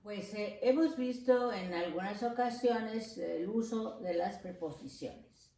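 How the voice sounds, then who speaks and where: A woman teaching a language lesson, talking deliberately and pausing often to search for words with fillers. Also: mid-range voice, mellow. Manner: addresses viewers as friends. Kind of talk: unscripted spoken lesson. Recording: roomy echo.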